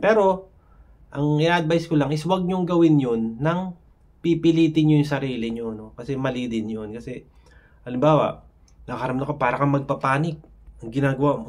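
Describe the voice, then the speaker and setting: A slightly high, darkish male voice belongs to a vlogger giving casual tips on anxiety straight to camera. His talk rambles, peppered with fillers and tag questions.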